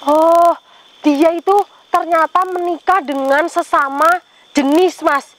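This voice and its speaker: Super high-pitched woman doing a ghost hunt vlog, asks questions out loud, repeats answers for viewers, lots of pious exclamations. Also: fairly even intonation, slow pace. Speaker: paranormal vlogger relaying a spirit. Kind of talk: ghost-hunting vlog talk.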